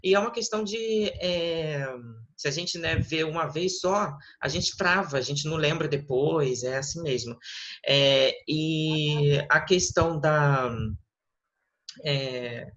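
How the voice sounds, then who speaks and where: A patient teacher talks a student through a lesson at a mid-range pitch. The teacher keeps checking understanding with quick tag questions and slows down to model English words. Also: fairly bright tone, highs cut off. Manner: patient, explanatory, checks with "né?" and "tá vendo?".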